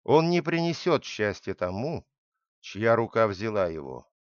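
A man's voice: fairly low pitch, very animated, unhurried, dry recording. Man reading as a grim old wanderer, hollow muffled voice, dry and dull sound. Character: tall gloomy old wanderer, eerie stranger.

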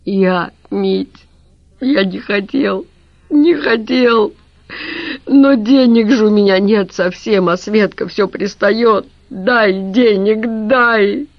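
A woman voicing a weak, guilty man who confesses through tears, halting and apologetic. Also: mid-range voice, dry recording, natural voice. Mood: tearful. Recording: dull lo-fi recording.

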